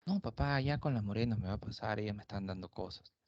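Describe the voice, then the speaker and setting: A man's voice: lowish voice, fast talker, a little mellow, no echo, lo-fi sound, natural voice. A man quoting an insistent young daughter. He raises his voice a little to play her while retelling a story in class.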